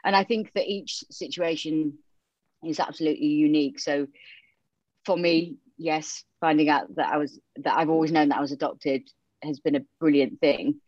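Her voice is deep and a little mellow, with fairly even intonation at a normal pace, in a dry recording that still sounds dull and muffled. She's a Romanian woman with a Yorkshire accent, a podcast guest chatting openly and casually with many fillers.

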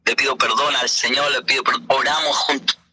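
A middle-aged man, a pastor, telling his personal faith testimony in an earnest, halting way with many hesitations. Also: mid-range voice, level tone, sharp tone, husky, poor audio.

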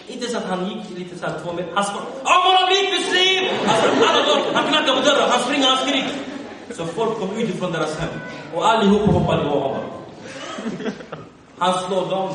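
A man telling an Islamic history story as a sermon, acting out the quotes with loud and soft swings and mixing Arabic phrases into his Swedish. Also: high voice. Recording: echoey hall, voice from far off.

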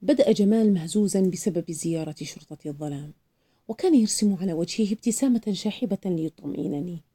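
A woman giving an expressive, dramatic first-person reading of a novel as an audiobook narrator. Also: mid-range voice, breathy edge.

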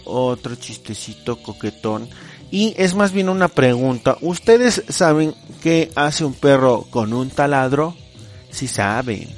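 A Mexican man hosts a relaxed joke-telling podcast for his students. His voice sits at an ordinary middle pitch, and his delivery is playful and loose, full of slang and little chuckles. Faint music plays underneath him. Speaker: teacher and podcast host.

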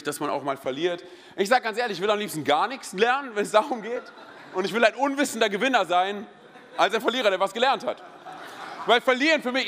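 A man in his thirties preaching a sermon in a church, energetic and joking, telling personal stories with many interjections. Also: high voice. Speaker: pastor. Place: church hall. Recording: long hall reverb.

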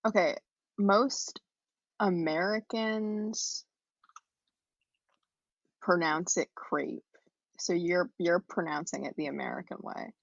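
Low, gravelly woman teasing in casual chat. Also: slow, long pauses, no room sound, muffled recording. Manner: teasing, dry quips. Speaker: podcast co-host.

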